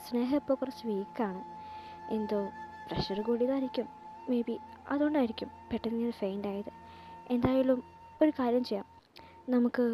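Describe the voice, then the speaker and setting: Brief: a woman as a steady, reassuring doctor, amateur audio drama with clear background music. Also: fairly high pitch, natural voice. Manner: calm, explanatory, reassuring. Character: calm, reassuring hospital doctor.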